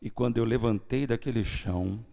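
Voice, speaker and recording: This church sermon comes from a man serving as pastor, speaking at medium pitch and normal speed with vocal fry and a Brazilian Portuguese accent. He tells his testimony, alternating quiet, hushed lines with loud, animated ones.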